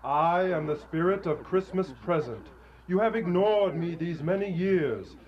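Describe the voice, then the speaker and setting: A man playing a commanding, hearty spirit in a loud, declamatory radio drama style. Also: sits high, unhurried, highs cut off. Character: commanding, hearty male spirit of Christmas present. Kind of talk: live student radio drama acting.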